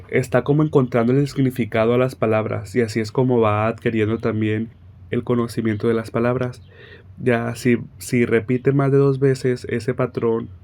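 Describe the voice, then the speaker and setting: A young man reading a class presentation aloud, halting and often restarting his words. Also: mid-range voice, mellow. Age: young adult. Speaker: student presenter.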